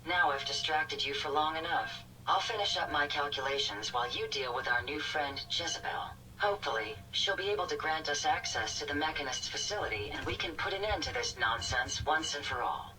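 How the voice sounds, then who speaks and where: A polite apologetic robot. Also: male voice, on the high side, fairly quick, few pauses, bright, forceful tone, distant mic, faint music behind, low-quality recording. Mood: formal. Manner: courteous, apologetic, formal. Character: polite regretful robot companion.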